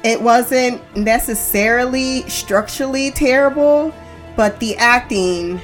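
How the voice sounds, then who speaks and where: A woman's voice: on the high side, slow. An American woman hosts a casual review podcast in a candid, wry, informal way. She is under the weather and heavily medicated, and music plays along with her voice. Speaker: podcast host.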